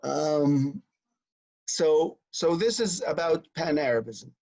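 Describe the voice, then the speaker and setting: A man's voice: fairly high pitch, lively intonation, slow, gravelly, dark tone, no room sound, lo-fi sound. A man speaking as a guest educator, explaining in a lecturing way that piles up example after example. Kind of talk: explanatory conversation.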